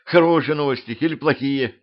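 A quarrelsome female vampire queen, as a man reading a homemade audiobook puts her on. The voice sits well above his own and turns shrill and indignant. The sound is dull and lo-fi. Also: brisk, lightly acted. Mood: impatient.

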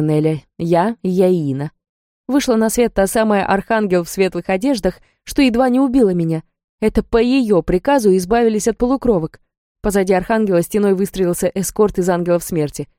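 A woman narrating a first-person story in a steady, even storytelling manner. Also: medium pitch, no room sound, clean studio sound. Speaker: audiobook narrator.

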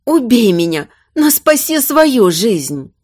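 A desperate young queen, as a woman reader puts her on, pleading in a raised voice that sounds close to tears. Her pitch leaps about, and the sound is dry and close to the mic. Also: very animated, slow, darkish tone, slightly rough, no room sound, exaggerated voice. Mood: frantic.

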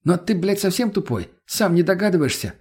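A man voicing a hot-headed, irritable young man who keeps shouting in exasperation. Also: high-pitched, very animated, a little fast, husky, voice pushed up, heavily acted. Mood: angry.

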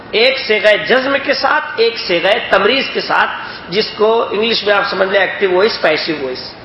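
A man teaching a religious lesson, explaining points and asking his listeners if they understood. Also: high voice. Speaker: hadith teacher. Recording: echoey, dull lo-fi recording with faint noise.

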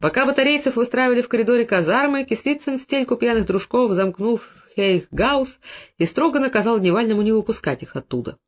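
A man narrating a literary novel in a measured, expressive storytelling manner. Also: very high voice. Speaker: audiobook narrator. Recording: dull lo-fi recording.

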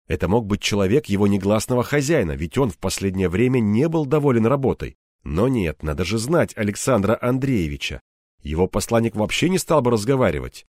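A man reading an audiobook as narrator, telling the story in a measured, expressive way. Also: mid-range voice, no echo, studio quality. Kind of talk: scripted narration.

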